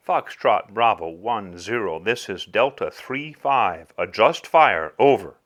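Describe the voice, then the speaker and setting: Male military spotter, acted by a man, calm radio fire call, low and slow, clipped procedural phrasing. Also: exaggerated voice. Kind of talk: scripted military radio role-play.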